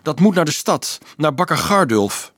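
A man's voice: on the high side, sing-song, normal speed, a bit bright, dry recording, studio quality, voice pushed up. A man reading an audiobook voices an earnest fifteen-year-old boy who speaks in an urgent, polite way.

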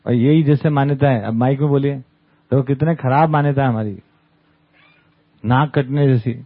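A man's voice: mid-range voice, steady tone, normal speed. A man giving a conversational talk to a study group, often checking in with little tag questions. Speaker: camp speaker. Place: camp hall with an audience. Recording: tinny phone-like sound.

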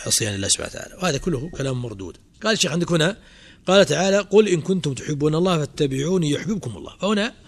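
His voice is mid-range and slightly rough. A middle-aged sheikh, he teaches a creed commentary to a class, testing students with rhetorical questions and filling pauses with fillers.

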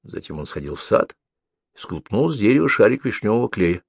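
A man reading an audiobook as narrator, expressive and storytelling. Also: lowish voice, brisk, gravelly, slightly rough. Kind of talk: scripted narration.

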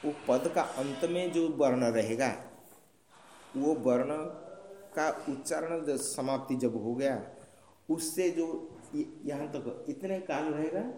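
Slow, mellow-voiced male teacher in an echoing room. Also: on the high side, soft background music. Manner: slow, patient explaining with frequent checking questions. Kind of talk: classroom lecture on Sanskrit grammar. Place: classroom. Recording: roomy echoing room sound.

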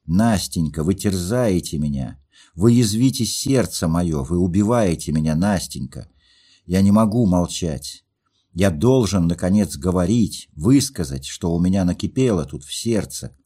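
A lovesick young dreamer, earnest and agitated, played by the reader himself. His voice is deep, dark and husky, with fervent, pleading outbursts. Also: a little slow, full character voice.

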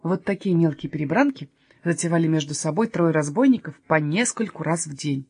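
A woman narrating a children's story aloud in a lively storytelling manner. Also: sits low, a little fast, slightly rough, dry recording, clean studio sound.

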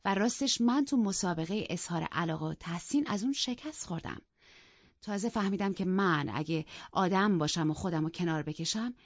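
A woman voicing a teasing, mischievous young lady of the house in an audiobook, loud and mocking. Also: medium pitch, dry recording, dull audio, voice pushed up, close to an everyday voice. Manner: lively, mocking, raising her voice. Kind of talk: audiobook character voice.

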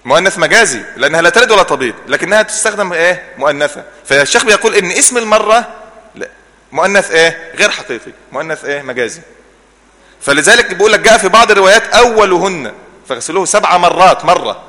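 A man with an Egyptian Arabic accent teaches a religious class at a quick clip. His voice is bright and fairly high, and it rings with the long reverb of a hall. He quizzes the students with leading questions and answers them himself. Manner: repeats key words slowly to drill them. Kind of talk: classroom Islamic jurisprudence lesson.

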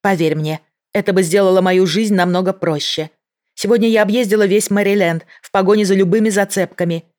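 A narrator performs an audiobook character: a female federal agent, tense but holding her voice in check as she pleads with a bomber in a controlled, restrained manner. The natural, mid-range voice is pushed up a bit, fairly quick, fairly even in intonation, and darkish in tone.

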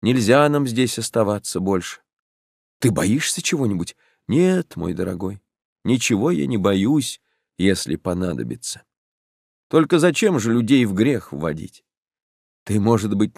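Man plays a soft-spoken young village woman in a storybook, earnest and tender, dry close sound. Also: on the low side, no room sound, exaggerated voice. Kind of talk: audiobook narration.

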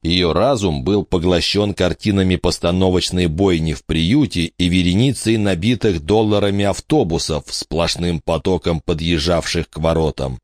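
A man narrating a children's adventure novel in an expressive storytelling manner. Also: deep voice, normal speed, hardly any pauses, no echo, clean studio sound. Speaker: audiobook narrator. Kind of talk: scripted narration.

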